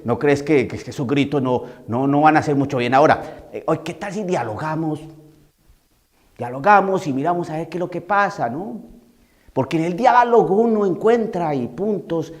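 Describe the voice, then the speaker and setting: A man caricaturing a timid, overly polite preacher who talks softly and hesitantly. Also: sits high, animated, normal speed, few pauses. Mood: meek, coaxing. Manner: soft, hesitant, coaxing.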